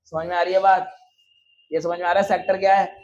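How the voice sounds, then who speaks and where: A man with a high voice teaches a maths lesson to a room of students. He is lively and casual, calls them brother, and keeps asking the class questions before answering them himself. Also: fairly quick, lo-fi sound, a little hiss or hum.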